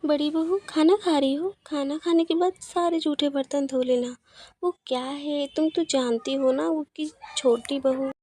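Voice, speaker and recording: A woman's voice: sits high, steady tone, measured pace, warm tone, no echo, studio quality. A woman voicing a stern, scolding mother-in-law in a cartoon story. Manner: bossy, scolding.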